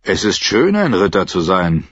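A man voicing a cocky male sellsword with a gruff, smug manner. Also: sits low, huge pitch swings, a little slow, fairly bright tone, no room sound, highs cut off, full character voice.

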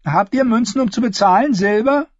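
A man reading aloud in the voice of a guarded, suspicious ten-year-old girl who asks sharp questions. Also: extremely high pitch, a little fast, no echo, highs cut off, voice pushed up. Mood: wary, blunt.

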